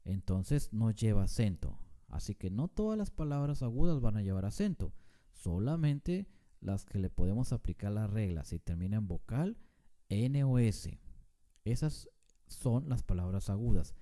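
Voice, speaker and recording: A man explains a grammar lesson in a slow, deliberate way, leaning hard on syllables to show where the stress falls. His voice is very dark and mellow, and his pitch rises and falls in a lively, animated way. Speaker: teacher.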